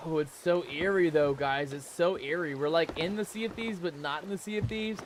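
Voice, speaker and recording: A man's voice: fairly high pitch, normal speed, slight background noise, poor audio. A man hosting a gaming video, commentating in a playful, theatrical manner with bits of pirate slang. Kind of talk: excited gameplay commentary. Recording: loud game music behind the voice. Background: loud game music.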